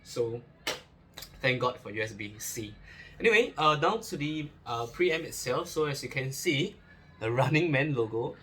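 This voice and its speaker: A man's voice: medium pitch, animated, normal speed, sharp tone, slight background noise. A young man talks casually through an unboxing review, chatty, with many fillers, restarts and joking asides. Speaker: gear reviewer.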